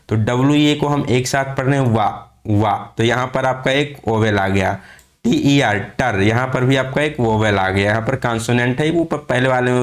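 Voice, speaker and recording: A man teaching an exam-prep lesson. He spells words out letter by letter, asks and answers his own questions, and reads English phrases slowly. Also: medium pitch.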